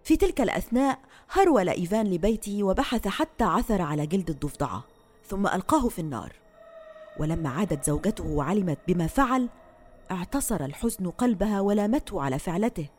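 A woman storyteller narrates a folk tale in a fireside manner. Her mid-pitched voice moves freely up and down with expressive phrasing, and music plays softly underneath. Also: fast. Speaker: storyteller host.

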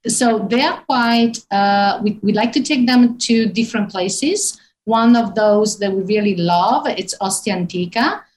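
A woman in her fifties with an Italian accent talks through an interview, stopping often on "uh" and "um" as she searches for English words. Her voice sits at an ordinary middle pitch, and her delivery is easygoing. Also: measured pace, a little mellow, poor audio. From northern Italy. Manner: hesitant, many fillers. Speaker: tour guide guest. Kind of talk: interview on a call.

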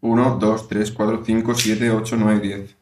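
A man's voice: fairly low pitch, flat delivery, a little mellow, recorded from a distance. A man under hypnosis, answering in a drowsy, hesitant way. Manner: drowsy, hesitant, slow counting. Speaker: guest being hypnotized. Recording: roomy, off-mic.

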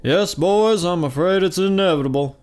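A man's voice: high-pitched, moderate pace, darkish tone, faint music behind, voice pushed up, lightly acted. A man voicing a frail, cheerful old man who talks in a folksy drawl.

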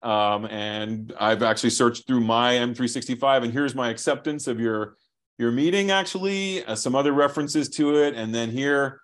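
A man on a video call walks through his software as he shares his screen. He talks briskly and thinks aloud, often restarting a phrase. His pitch sits at an ordinary middle height. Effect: heard over a video call. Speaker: software company founder as guest. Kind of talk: explaining software while sharing screen.

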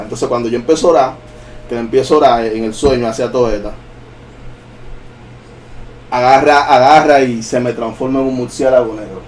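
A man in casual chat telling a paranormal experience in lively storytelling. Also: mid-range voice, slight background noise. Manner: animated, acts out his own dialogue. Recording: distant mic with faint music.

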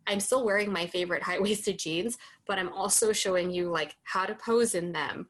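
A woman's voice: medium pitch, normal speed. A young woman co-hosting a podcast in casual chat, rambling a little and saying "like" often. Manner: chatty, heavy use of "like". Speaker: podcast co-host.

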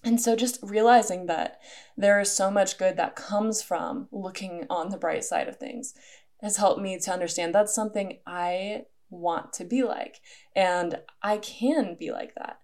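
An earnest young woman hosts a solo podcast, delivering a monologue in a mid-range, darkish voice at a slightly slow pace. Her manner is casual and sincere, with lots of "like" fillers.

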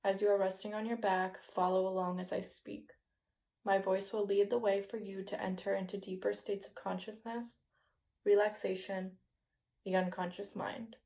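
A woman guiding a yoga nidra meditation in a slow, soothing, hypnotist-like manner with soft phrase endings. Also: mid-range voice, flat delivery, gravelly. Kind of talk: guided meditation, scripted relaxation narration.

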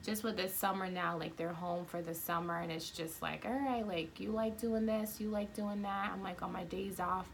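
A woman's voice: fairly low pitch, fairly even intonation, normal speed, vocal fry, hardly any pauses, a little hiss or hum. A woman from Guyana in her thirties, talking candidly and rambling with lots of fillers in a casual podcast chat.

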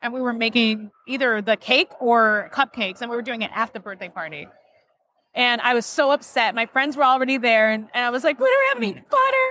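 A woman interviewing a guest at a toy show, chatty and animated, telling stories. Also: fairly high pitch, a little fast, no echo. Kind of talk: casual interview chat. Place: event floor at a toy show.

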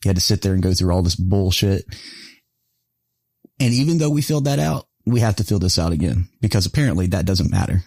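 A man hosting a casual podcast, telling rough, profane stories about military service with frequent laughter. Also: sits low, animated, brisk, a little mellow, no room sound, studio quality. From rural area. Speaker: podcast host.

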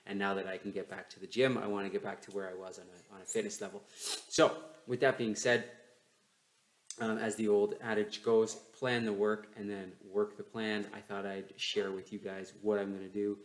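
A man's voice: on the low side, level tone, normal speed. Man with stiff sore jaw, echoey room. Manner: slightly stiff enunciation from sore, numb jaw after surgery. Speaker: podcast host. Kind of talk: casual solo podcast talk. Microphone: newly bought microphone, not laptop mic. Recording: roomy, echoey home microphone recording.

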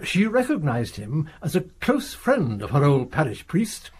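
A lofty, lively old detective. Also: male voice, on the high side, unhurried, breathy edge, full character voice. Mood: genial. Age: older. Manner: lofty, precise deductive speech with chuckles. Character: elderly retired detective, brilliant, vain and untidy. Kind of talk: radio drama acting.

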